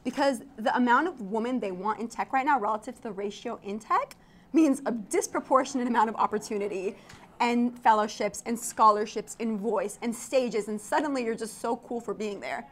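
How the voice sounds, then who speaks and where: Young woman from iraq chatting fast as a guest at an event studio, laughs a lot. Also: fairly high pitch. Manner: chatty and animated, laughs often. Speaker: interview guest, architect and tech founder. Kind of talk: casual interview chat.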